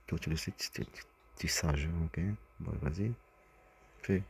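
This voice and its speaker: A man's voice: a bass voice, steady tone, moderate pace, vocal fry, slight background noise. A man talking in a rambling personal monologue, agitated and often stumbling over and repeating his words. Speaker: vlogger.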